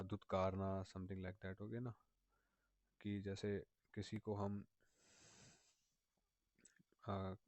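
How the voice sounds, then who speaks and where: A male vocabulary teacher explains memory tricks step by step, repeating himself and checking in with his students. His voice sits low and stays fairly level, and it is recorded close up in a dry room with no echo. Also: darkish tone. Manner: patient, repetitive, often checks in with "theek hai na".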